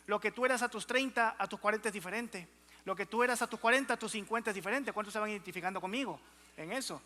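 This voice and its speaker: A man's voice: very high-pitched, sharp tone. A young adult man preaching a sermon as pastor, emphatic and calling out to the congregation in a church. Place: church hall. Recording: reverberant church hall.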